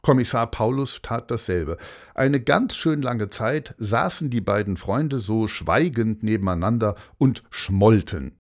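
A man reading a children's story aloud in an expressive storytelling manner. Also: lowish voice, unhurried. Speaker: narrator.

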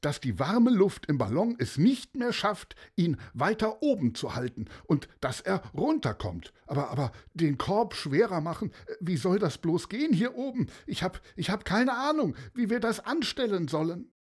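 A frightened, desperate balloon pilot stammers anxiously in a raised voice, as a man acts him out in a storybook reading. The tone is a little husky, and it rises and falls a lot. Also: high-pitched, very animated, moderate pace, few pauses, darkish tone, voice pushed up, full character voice.

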